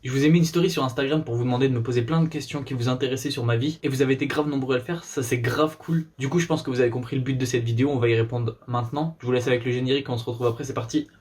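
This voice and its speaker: Young guy w a northern french accent, chatty slangy vlog answers, talks super fast. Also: medium pitch, fairly even intonation, a little mellow. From northern France. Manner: chatty, slangy, laid-back. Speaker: YouTuber. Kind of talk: casual Q&A vlog.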